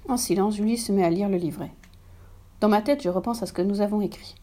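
A woman narrating a children's story in a gentle, steady manner. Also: medium pitch, fast talker. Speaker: reader.

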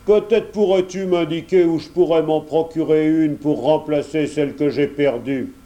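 A man's voice: on the high side, fairly even intonation, moderate pace, warm tone, natural voice. A man voicing a greedy, vengeful wolf in a children's story, growling and pleading. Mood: grumbling.

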